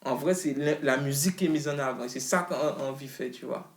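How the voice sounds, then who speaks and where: A man's voice: medium pitch, quick pace. A man, a rapper talking as an interview guest in a loose, slangy way full of restarts. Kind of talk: casual interview chat. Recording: roomy echo.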